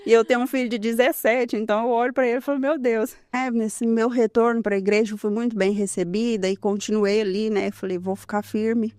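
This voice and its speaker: This interview guest, a woman in her thirties, tells her personal testimony briskly with few pauses. Her voice is fairly high with fairly even intonation. She sounds earnest, with soft laughs and a frequent questioning "né?", and the recording is clean with no echo.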